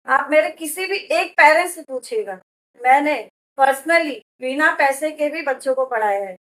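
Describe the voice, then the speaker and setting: A woman's voice: high voice, fairly bright tone, low-quality recording. A woman running for local office, answering an interviewer earnestly and making promises. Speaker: election candidate.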